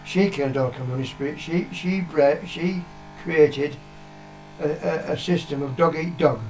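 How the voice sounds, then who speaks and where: At a moderate pace, the vlogger's father, an older man with a British accent, chats casually and gives blunt, plain-spoken opinions, swearing and repeating himself for emphasis. His voice is fairly high and a little mellow, with soft music in the background and poor audio.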